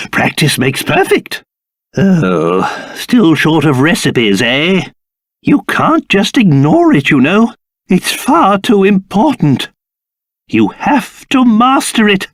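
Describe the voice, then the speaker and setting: A man's voice: high voice, dry recording, clean studio sound, exaggerated voice. Pompous British monster King Trode, wildly swooping. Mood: encouraging, then chiding. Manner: pompous, fussy, excitable, exaggerated delivery. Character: pompous, fussy old king turned into a small monster. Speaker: video game character voice actor. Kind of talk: theatrical video game voice acting.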